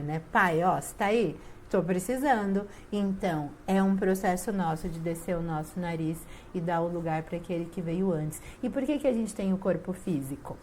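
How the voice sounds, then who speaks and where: A woman's voice: medium pitch, warm tone, slight background noise. A woman with a Brazilian Portuguese accent, giving a spiritual talk and telling personal stories emphatically, acting out quoted dialogue. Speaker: spiritual family-systems teacher. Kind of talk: casual spiritual talk to viewers.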